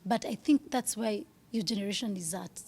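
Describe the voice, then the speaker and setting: A woman's voice: mid-range voice, normal speed, a little mellow, slightly rough. A woman in her thirties, speaking candidly as an interview guest, earnest and at times dropping to a whisper.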